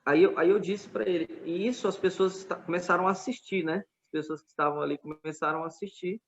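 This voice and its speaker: A man's voice: sits high, steady tone, fast, a little hiss or hum. Earnest Brazilian man, muffled sound. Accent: Brazilian Portuguese. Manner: earnest, retelling a street debate with quoted dialogue. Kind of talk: casual podcast storytelling.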